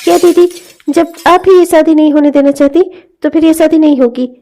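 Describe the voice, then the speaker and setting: Woman doing a loyal young cartoon guy, earnest and gentle, still a high mellow voice. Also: fairly even intonation, fairly quick, slight background noise. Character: devoted young man, loyal brother, earnest.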